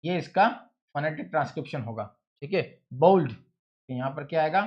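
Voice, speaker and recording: A man's voice: a little high, expressive, normal speed, highs cut off. A male teacher, giving a classroom lecture, who repeats words and keeps asking the class questions. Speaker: English teacher.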